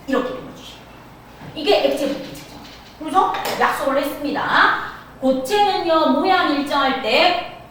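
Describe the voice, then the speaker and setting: Woman, high lively voice, science teacher, singsong questions, echoey room from far off, noisy. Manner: lively, singsong prompting questions, repeats key points. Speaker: middle school science teacher. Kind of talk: classroom lecture.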